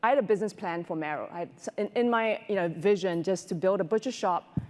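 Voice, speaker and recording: On a big conference stage, a panelist who runs a restaurant business speaks into a lapel microphone, her sound echoing with long auditorium reverb. She is a middle-aged woman from Singapore with a mid-range voice, responding conversationally and pausing as she works through her thoughts out loud.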